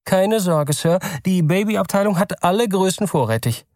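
A prim, curious shop clerk with a noticeably high, drawn-out voice, as a male reader puts him on. He sounds politely baffled and stays courteous throughout. The storybook reading is dry and close, with no room sound. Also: expressive, a little mellow, no room sound. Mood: polite puzzled. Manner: high, slow, politely puzzled.

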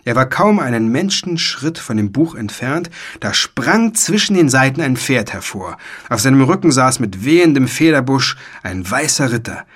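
A male narrator reads a children's story slowly, his pitch rising and falling with the drama. His voice is slightly breathy, and he shapes each sentence for suspense. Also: fairly bright tone. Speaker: audiobook narrator.

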